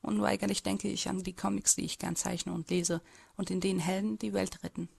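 A shy, downtrodden teenage boy, as a woman voices him tells his story in an amateur audio drama. The voice has a strongly gravelly, husky texture. The narration is hesitant and subdued. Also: medium pitch, flat delivery, brisk, a little mellow.

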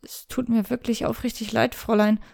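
A woman's voice: a little high, a little fast, natural voice. Woman doing an anxious young knight, earnest, urgent, storybook reading. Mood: ashamed.

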